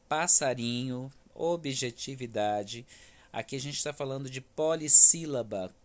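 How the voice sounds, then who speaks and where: A Brazilian man from the Federal District explains a worksheet to young pupils in a remote lesson. He is patient and slows down to sound out each syllable, with a tag question after nearly every point. His voice sits at a middle pitch. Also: darkish tone. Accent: Brazilian Portuguese, Federal District. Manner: patient, stresses words syllable by syllable, frequent "tá?" checks. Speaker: primary school teacher.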